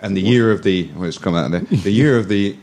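A man teaching English pronunciation in a friendly lesson, slowly repeating model sounds and playfully reacting to mistakes. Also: sits low, gravelly, darkish tone.

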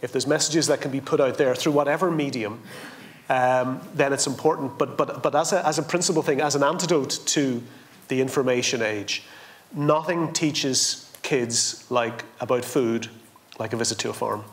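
A man's voice: medium pitch, moderate pace. An older man, making emphatic points on a conference panel and repeating words for stress. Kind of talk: panel discussion. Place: indoor conference stage.

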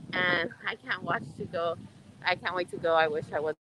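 Unhurried, gushing woman on a shop live stream. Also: fairly low pitch, heavy background noise. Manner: gushing, excitable, laughs often, greets viewers by name. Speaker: vlogger hosting a live stream. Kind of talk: chatty live shopping stream. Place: indoor retail shop.

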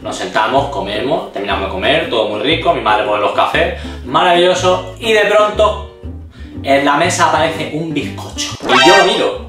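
A man's voice: a little high, moderate pace, fairly bright tone. A man, hosting a cooking channel and telling an exaggerated story in casual chat. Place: home kitchen. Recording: echoey room, mic at a distance, background music.

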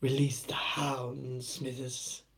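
A man doing an impression of a scheming frail old cartoon tycoon, speaking slowly and in a hushed, drawn-out way. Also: mid-range voice, completely flat delivery, a little hiss or hum, pitched below the performer's own voice. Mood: sly, doting. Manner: slow, hushed, drawn-out delivery.

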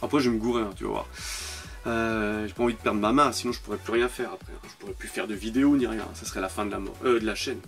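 A man's voice: fairly low pitch, fairly even intonation, fast talker, fairly bright tone, soft background music. A man with a French accent giving casual, enthusiastic commentary on toy cars from his collection, often repeating words for emphasis. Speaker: toy car collector vlogger.

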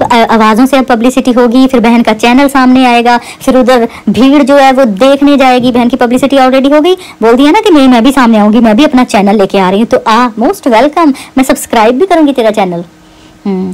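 A woman's voice: on the high side, darkish tone, low-quality recording. A woman YouTuber, delivering a heated, mocking rant to camera against a rival and repeating her jabs.

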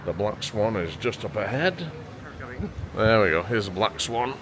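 This forties-aged travel vlogger has a low, animated, unhurried voice, heard over background noise as he films himself at arm's length on a handheld camera. Moving between pubs and through town streets, indoors and outdoors, he chats cheerfully and points things out.

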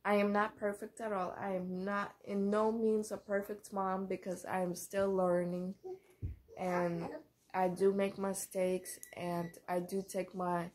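A young mother talks casually to her viewers about parenting. She speaks slowly and softly, with a middle-pitched voice. She uses lots of fillers and pauses as she thinks out loud. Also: level tone. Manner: soft-spoken, many fillers, candid. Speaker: mom vlogger. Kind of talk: casual vlog talk.

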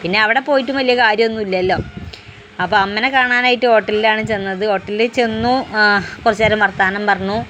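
A woman's voice: mid-range voice, steady tone, fast talker, fairly bright tone, slight background noise. A middle-aged woman, chatting through her day in a rambling, casual vlog narration. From Kerala, India. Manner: chatty, rambling, frequent tag words. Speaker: vlogger.

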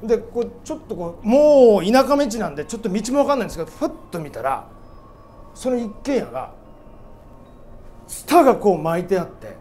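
A man, a comedian, telling a ghost story in a theatrical, excitable way, acting out chants and voices, mixing in Kansai dialect turns. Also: high-pitched, fairly quick, soft background music. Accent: mixed Japanese dialects with Kansai turns.

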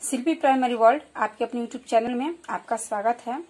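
A woman giving a slow, clear children's lesson, explaining and repeating example words. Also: on the high side, darkish tone. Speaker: primary school teacher.

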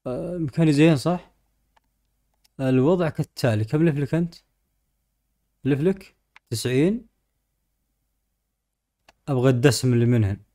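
A man's voice: mid-range voice, expressive, normal speed, long pauses, dark tone. Casual Gulf Arabic man commentating gameplay. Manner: informal, talks to himself and to game animals. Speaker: gaming video host.

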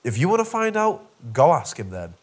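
A man voicing a jaded, sarcastic young male mail carrier with a husky voice. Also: a little high, wildly swooping pitch, a little fast, voice pushed up. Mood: sardonic.

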